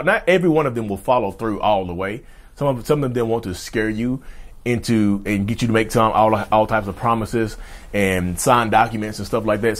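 A man in his thirties hosting a mental health channel, talking straight to camera in an emphatic, repetitive way and calling viewers y'all. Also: fairly low pitch. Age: 30s. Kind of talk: direct-to-camera advice talk. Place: indoor studio with backdrop.

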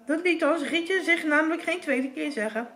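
A woman's voice: high voice, normal speed, a bit bright. A woman reading a fairy tale aloud, often stumbling and restarting. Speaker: storyteller.

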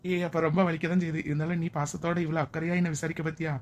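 A woman's voice: deep voice, level tone, racing, a little mellow, a little hiss or hum, lightly acted. A woman playing a teasing, lovestruck young man who talks playfully.

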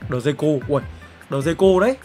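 A young man, streaming himself opening player packs in a football game. He is excitable and swings from loud exclamations to low muttering. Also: fast talker, over loud music. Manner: excitable, exclamatory, jumps between shouting and muttering.

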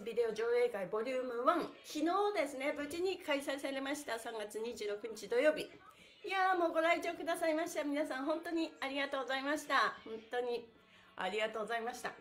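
With a fairly high-pitched voice, a middle-aged woman cheerfully leads a stretching class over livestream, giving upbeat instructions and chatting encouragingly with viewers. The recording sounds roomy and echoey, coming from a small indoor space with bare walls and a wooden floor.

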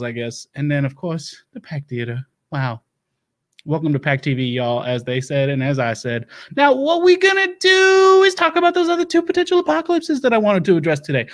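In improv character comedy, a man plays a manic, self-assured Louisiana doomsday-prepper hosting a livestream show. He rambles fast, stumbles over words, and breaks into loud, high bursts alongside drawling asides.

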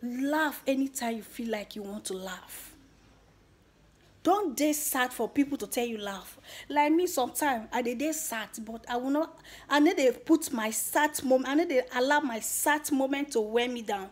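A young woman with a Nigerian accent thanking her subscribers in a casual vlog, excited and emotional, slipping between Pidgin and English. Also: high-pitched, moderate pace. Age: young adult. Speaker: YouTuber.

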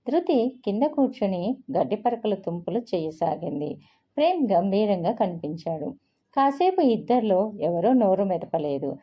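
A woman narrating a serialized story with an expressive, steady reading. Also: medium pitch. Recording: dull lo-fi recording.

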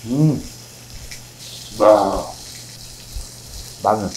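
A man's voice: lowish voice, expressive, a little mellow, roomy sound. Man chewing with his mouth full. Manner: exclaims with drawn-out wows between bites. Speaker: mukbang vlogger. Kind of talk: casual mukbang commentary. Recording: noisy sizzling grill behind.

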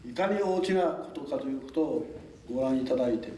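Older man, formal public talk, mellow voice, roomy hall sound, heard from a distance. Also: medium pitch, animated, fast, a little hiss or hum. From Tokunoshima, Amami Islands, Japan. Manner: polite formal speech with frequent chuckles and asides. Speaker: lecturer. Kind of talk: public talk to a local audience. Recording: echoey hall, mic at a distance.

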